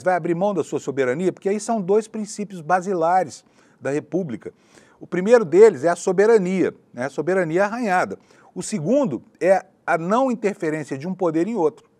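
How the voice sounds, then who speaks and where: A man's voice: high-pitched, darkish tone. A man giving opinionated news commentary from a studio, indignant and sarcastic in a conversational way. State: hoarse after a long broadcast.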